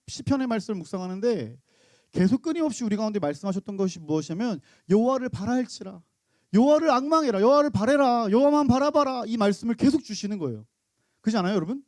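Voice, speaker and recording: A male pastor preaches in a church with an animated storytelling style. He often turns to the congregation with questions. His voice is high and mellow, and the sound is dry and close. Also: dry recording. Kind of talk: sermon with storytelling.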